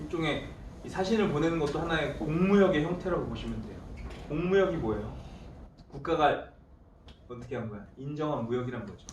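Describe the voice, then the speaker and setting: A man teaching history to a class, putting questions to the students and answering them himself in a playful, teasing way. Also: on the high side. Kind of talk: classroom lecture. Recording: roomy classroom from far off, faint noise.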